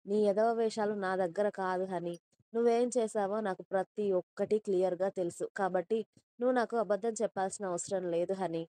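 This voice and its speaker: A woman's voice: mid-range voice, fairly even intonation, brisk, dark tone, clean tone, no echo, close to an everyday voice. A woman voicing a stern, angry young man who scolds bluntly in an audio story. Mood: scolding.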